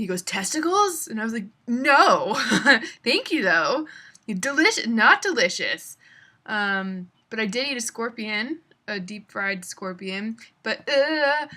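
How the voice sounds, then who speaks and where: Young woman telling travel stories in a vlog; bright tone, easy filler-heavy chat. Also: on the high side. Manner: chatty, lots of fillers. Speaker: vlogger. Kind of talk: casual travel vlog storytelling.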